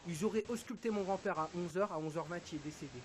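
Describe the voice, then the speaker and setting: A male streamer recounting a personal loss in halting, emotional storytelling, his voice dropping to a hush and then rising again. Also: sits high, low-quality recording. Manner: halting, quotes dialogue, swings between hushed and raised. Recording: hissy background noise.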